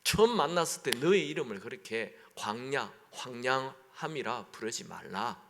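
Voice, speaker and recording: A man's voice: medium pitch, expressive, normal speed, gravelly, fairly bright tone. A man, a pastor, preaching a sermon in a church sanctuary, talking in a conversational way and asking the congregation questions. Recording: long echo of a large hall.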